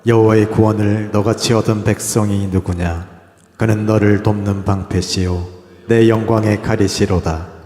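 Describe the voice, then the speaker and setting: A man reading a scripture passage aloud in a steady, measured recitation in church. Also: lowish voice. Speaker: scripture reader. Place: church sanctuary. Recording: roomy echoing church hall.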